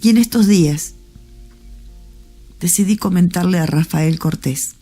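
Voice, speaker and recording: A woman gives a heartfelt faith testimony. Her voice is mellow and dark in tone, with a soft, repetitive delivery. Faint music plays underneath. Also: on the low side, unhurried. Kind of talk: emotional spoken testimony.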